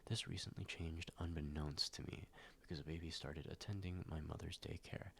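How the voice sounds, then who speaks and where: A young male ASMR YouTuber with an extremely deep, gravelly voice murmurs softly and slowly, slightly nasal and stuffed up from a cold, with fairly even intonation. He hums, says um and like a lot, and often drifts into whispers over a faint hiss.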